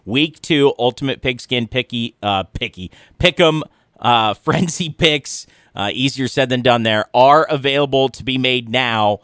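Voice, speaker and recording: A man hosts a radio show in a casual, unscripted way. His medium-pitched voice halts and corrects itself, and the studio sound is very dry. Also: unhurried, a bit bright, clear, resonant tone, dry recording. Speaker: sports radio host. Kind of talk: casual off-the-cuff radio talk.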